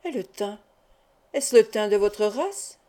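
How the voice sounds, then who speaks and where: A woman's voice: medium pitch, animated, takes it slowly, dark tone. A woman reading the lines of a young male hospital intern who asks brusque, probing questions.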